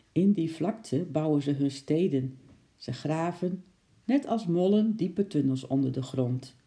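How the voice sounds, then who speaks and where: Reader doing a jolly uncle zookeeper. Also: female voice, low-pitched, dark tone. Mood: explaining. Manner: jolly, explaining. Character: cheerful uncle zookeeper, friendly man.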